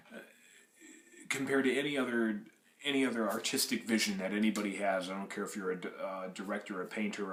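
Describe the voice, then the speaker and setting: A man's voice: fairly low pitch, fairly bright tone, echoey room. A young man in his twenties, from Russia and raised in Michigan, answering audition interview questions in a rambling way, with many restarts and fillers. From Russia, grew up in Michigan. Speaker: acting applicant.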